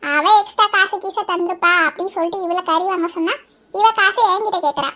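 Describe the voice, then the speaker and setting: Woman doing shrill scolding women. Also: fast talker, sharp tone. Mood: grumbling. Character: bickering Tamil village women, high and shrill. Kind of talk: cartoon voice acting.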